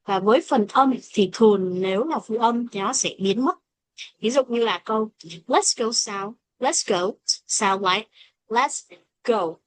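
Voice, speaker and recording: A woman teaching an English pronunciation lesson, speaking English with a Vietnamese accent and slowing down to model example phrases. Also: on the high side. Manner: switches between explanation and slow modeled English examples. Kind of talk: classroom lesson explaining pronunciation.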